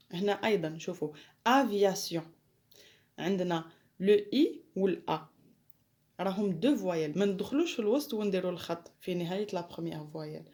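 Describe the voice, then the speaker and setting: A woman with an Algerian Arabic accent teaching a recorded lesson. She explains patiently and spells out French words and rules slowly, one at a time. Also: fairly low pitch, darkish tone. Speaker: primary school teacher.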